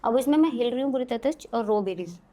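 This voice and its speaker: A woman with a fairly high voice tells a podcast host a ghost story in short, vivid bursts. She talks casually and builds suspense line by line. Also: animated, quick pace, dark tone. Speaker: podcast guest.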